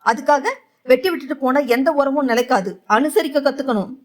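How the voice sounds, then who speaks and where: A woman's voice: high-pitched, brisk, natural voice. A woman voicing a lecturing father-in-law. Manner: lecturing, reproachful. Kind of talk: audio novel character voice.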